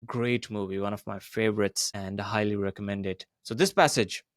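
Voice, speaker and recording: A man teaching a public speaking lesson, deliberately varying his pitch and volume to demonstrate his points. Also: steady tone, no echo, studio quality. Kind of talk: voice coaching lesson.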